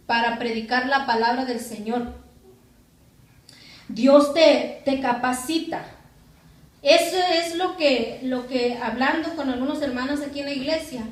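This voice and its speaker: A woman pastor, preaching a sermon and putting rhetorical questions to her congregation. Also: high voice. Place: church hall. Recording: echoey church from far off.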